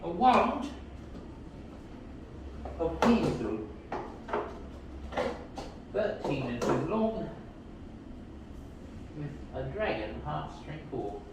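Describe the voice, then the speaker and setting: A man with a lively, swooping voice delivers showy wand shop patter in a grand, old-fashioned manner. He is heard from some distance away, and the small shop rings with heavy echo. Crowd noise hums clearly behind him. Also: fairly high pitch, very slow, long pauses. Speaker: theme park wand shop performer. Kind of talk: theatrical live show patter. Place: indoor wand shop attraction. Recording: distant, very echoey shop filmed on a phone.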